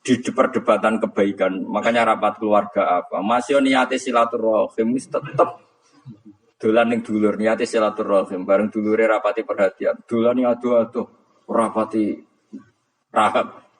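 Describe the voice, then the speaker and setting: A man preaches in a relaxed, humorous way. His voice sits low, and he chuckles and quizzes his listeners as he teaches. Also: moderate pace. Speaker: Islamic preacher. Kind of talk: religious lecture.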